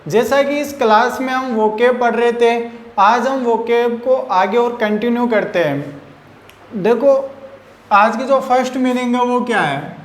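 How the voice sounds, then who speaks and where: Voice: mid-range voice, roomy sound. A teacher giving an online vocabulary class, who repeats each word and spells it out letter by letter. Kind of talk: online vocabulary lesson with memory tricks.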